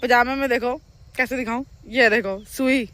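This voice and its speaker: Young woman vlogger, bright voice, chatty and laughy, phone video at home. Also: a little high, moderate pace. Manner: chatty, animated, laughs often. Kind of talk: casual storytelling vlog. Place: at home, near farm animals.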